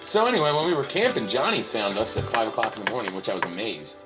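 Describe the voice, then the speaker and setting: Animated man telling a story on a podcast. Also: on the low side, fast talker, over music, poor audio. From Pennsylvania. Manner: animated storytelling with quoted voices. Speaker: podcast host. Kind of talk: casual chat.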